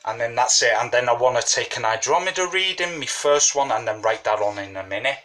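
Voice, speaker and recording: A man talks a little fast in a sharp, mid-range voice with lively intonation. Suffering a cold and sniffling a little, he casually explains a home brewing recipe at his kitchen table, rambling on in chatty fashion and tossing in "you know what I mean."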